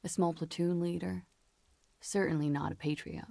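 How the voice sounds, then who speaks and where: A woman voicing a calm, guarded, world-weary young woman in a video game. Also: fairly low pitch, normal speed, gravelly, no echo. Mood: wistful. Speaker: game character.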